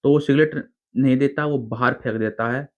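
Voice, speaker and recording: A man's voice: mid-range voice, steady tone, moderate pace. Man telling a ghost story, tinny sound. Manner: informal, chatty retelling in plain speech. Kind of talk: casual spoken horror story narration. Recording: tinny phone-like recording.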